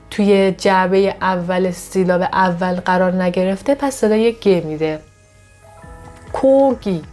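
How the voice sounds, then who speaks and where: Woman tutor walking through pronunciation rules, patient, repeats example words carefully, faint music behind. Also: mid-range voice. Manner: patient, explains with examples, pronounces model words slowly and brightly. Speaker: Korean language teacher. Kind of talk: step-by-step lesson narration.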